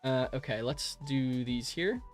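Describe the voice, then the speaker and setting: A young adult man with a mid-range voice live streams while he plays, answering chat in an unhurried, friendly, rambling way. He laughs and restarts often, and faint music plays behind him on his modest home microphone.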